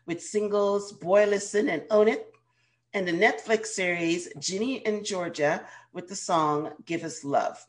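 A woman from Guyana hosts a coaching interview show. Her voice sits at a middle pitch and is hoarse with a cold. She speaks as a life coach introducing and questioning a guest. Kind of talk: interview hosting.

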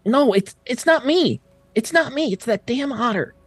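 A man voicing an excitable, easily upset male adventurer in a whiny, otter-like manner for a tabletop game. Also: very high voice, normal speed, slightly rough, soft background music, voice pushed up, heavily acted. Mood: distraught, whining.

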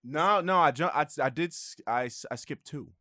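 A young man co-hosting a casual podcast chat, lively, often restarting mid-sentence and laughing easily. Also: fairly high pitch, moderate pace, dry recording, clean studio sound. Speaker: podcast co-host.

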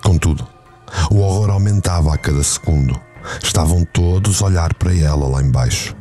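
A man narrating a novel as an audio drama, telling it in a measured, dramatic way. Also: low-pitched, mellow, faint music behind.

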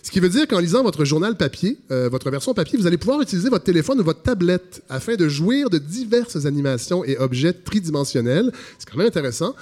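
A man's voice: high voice, sing-song, fairly quick, few pauses, darkish tone. A man, hosting a podcast and delivering satirical news commentary in a mock-serious, ironic way with many hesitations. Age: 40s. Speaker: podcast host.

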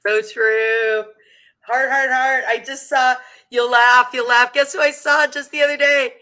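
A woman hosts a podcast with a bright, forward voice. She sounds upbeat and enthusiastic in casual chat. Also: high-pitched, fairly even intonation, measured pace.

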